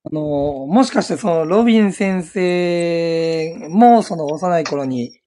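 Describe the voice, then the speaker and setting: A man's voice: a little high, lively intonation, takes it slowly, dark tone. A man taking part in a radio chat, asking polite, hesitant questions with many fillers. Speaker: co-host.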